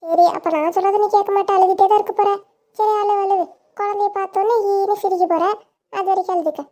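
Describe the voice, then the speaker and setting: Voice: very high voice, fairly even intonation, fast talker, dark tone. A child acting as a caring, fussy middle-aged mother who soothes and scolds her daughters. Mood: soothing.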